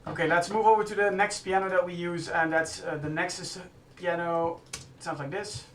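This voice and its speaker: A man hosting a live stream from a music studio, explaining his production steps casually as he works and often pausing to restart his sentences. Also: high-pitched, fairly even intonation. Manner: thinks aloud while working, halting with restarts. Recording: roomy studio sound from a distance.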